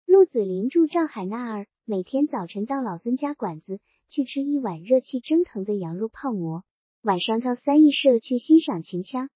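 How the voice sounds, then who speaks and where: A woman narrating a novel in a steady, even reading. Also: fairly high pitch, normal speed, slightly rough, dry recording. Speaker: audiobook narrator. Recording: dull, dry lo-fi recording.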